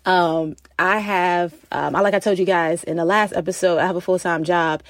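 A woman's voice: on the low side, steady tone, moderate pace, no echo. Casual woman podcaster, very dry closet sound. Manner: chatty, informal, laughs while talking. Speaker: podcast host. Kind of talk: casual solo podcast talk. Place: recorded inside a closet.

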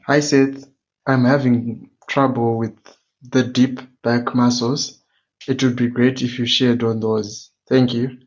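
A man leaving a short voice message with a question, played back as a voicemail in a slow, hesitant way. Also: mid-range voice, flat delivery. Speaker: listener calling in with a question. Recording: dull lo-fi voicemail from off-mic.

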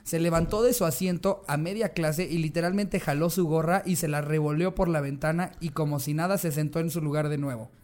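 Guy cohosting a podcast, high voice, crude slang, laughs a lot. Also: brisk, hardly any pauses. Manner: crude slang, laughs often, acts out quotes in loud voices. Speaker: podcast co-host. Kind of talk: casual chat, reading listener stories.

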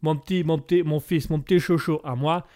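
A man's voice: a little high, fairly even intonation, fairly quick, warm tone, close to an everyday voice. Brief: man playing a bragging American, English words mixed in, rambling. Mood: fond. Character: boastful American man with mock accent.

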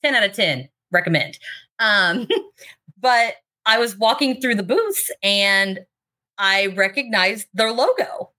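A woman chatting informally as a podcast guest, telling stories in an animated, chatty way and swearing freely. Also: medium pitch, slow. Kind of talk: casual chat, animated storytelling.

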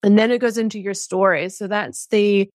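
A woman's voice: medium pitch, steady tone, moderate pace, darkish tone, no echo, clean studio sound. A young woman, co-author of a book, giving long explanatory interview answers with many restarts. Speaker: co-author guest.

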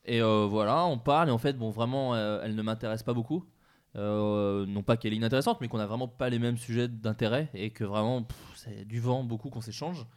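A man's voice: medium pitch, brisk. A young man on a podcast, telling a dating anecdote in a rambling way with many fillers and restarts. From France. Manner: rambling storyteller, many fillers and self-corrections. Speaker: podcast co-host. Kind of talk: casual group chat, telling an anecdote.

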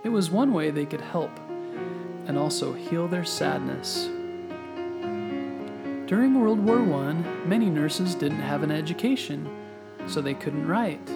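A man with a slightly high, somewhat creaky voice reads a bedtime history story for children. His delivery is gentle and explanatory, addressed straight to the listener. Music plays clearly behind him. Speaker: host and narrator of a children's bedtime history show. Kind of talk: scripted storytelling narration for children. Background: background music.

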